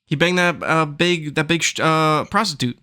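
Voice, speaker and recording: A man's voice: on the high side, normal speed, sharp tone, smooth. A man hosting a gaming podcast in casual chat, rambling and searching for words. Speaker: podcast host.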